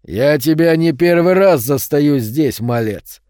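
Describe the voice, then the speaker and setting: A man voicing a hulking teenage bully who drawls slow, loud, mocking threats. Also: fairly high pitch, expressive, dry recording, studio quality. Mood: menacing.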